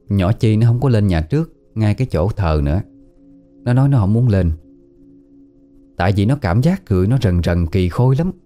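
A man's voice: fairly low pitch, warm tone. A man with a Southern Vietnamese accent narrating a family ghost story in a plain, conversational way. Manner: plain conversational retelling with southern colloquial words.

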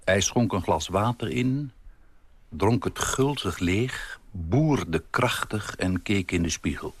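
A man reading a literary story aloud for radio in a calm, measured way. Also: on the low side, husky. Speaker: reader.

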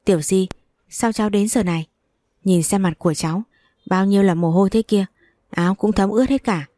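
A woman voicing an elderly wealthy grandmother who is kindly yet commanding, speaking in a gentle, matter-of-fact way. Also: mid-range voice, brisk, dry recording, close to an everyday voice.

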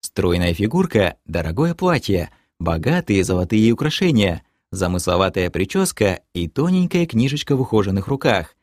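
Lively male audiobook narrator. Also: lowish voice, moderate pace, few pauses, no echo, studio quality. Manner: lively first-person storytelling.

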